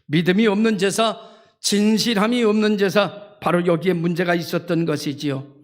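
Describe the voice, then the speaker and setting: A middle-aged man preaching a Sunday sermon as pastor, building to high emphatic repetitions and acting out the voices of churchgoers and God. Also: steady tone, moderate pace. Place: church sanctuary.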